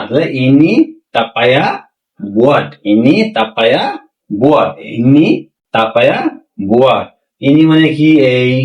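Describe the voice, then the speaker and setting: A man teaching a language lesson, repeating phrases slowly and asking the class rhetorical questions. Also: medium pitch, highs cut off. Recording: roomy, mic far from speaker.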